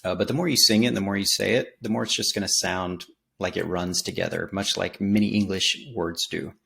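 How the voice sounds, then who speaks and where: A man explaining song lyrics in a casual spoken language lesson, relaxed and rambling with many ums and restarts. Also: sits low, brisk, vocal fry. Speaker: language teacher.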